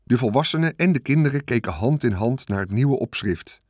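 A man narrating a children's storybook in a calm, measured read-aloud style. His pitch sits in the middle range for a man. The recording is dry and close, with no room sound. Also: no room sound.

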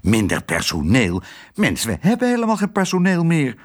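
Storybook figure: man doing a fretful hotel owner, high strained voice, husky. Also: huge pitch swings, measured pace, full character voice. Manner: fretful, complaining. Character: gloomy, anxious middle-aged male hotel owner.

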